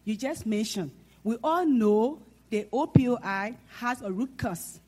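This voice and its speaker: Liberian woman, audience speaker, slightly high voice, earnest and formal. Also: lively intonation, a little slow, darkish tone. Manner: earnest, formal, preacher-like build. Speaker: audience member. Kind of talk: speaking up at a town hall.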